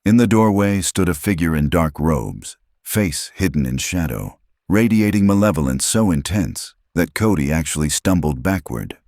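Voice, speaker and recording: A man doing scripted narration of a story in a steady, even way. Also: low-pitched, moderate pace, no room sound, clean studio sound.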